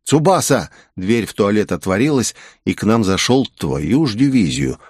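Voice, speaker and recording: A man's voice: fairly low pitch, sing-song, normal speed, darkish tone, breathy edge, no echo, clean studio sound. A man narrating a first-person novel in a wry, musing manner. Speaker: audiobook narrator.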